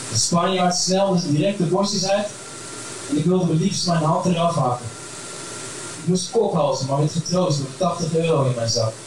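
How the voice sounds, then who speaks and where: A man telling a first-person story on stage in a frank, crude and wryly humorous way. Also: fairly high pitch. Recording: very echoey room, mic far off, clear background noise.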